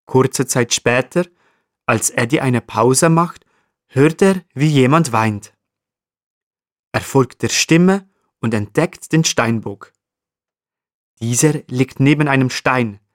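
A man narrating a children's story in a calm, evenly read way. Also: medium pitch, slow, pauses often, dry recording, clean studio sound.

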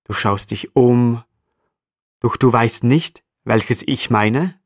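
A man narrating a children's story gently and speaking directly to the listener. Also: mid-range voice, slow, dry recording, clean studio sound.

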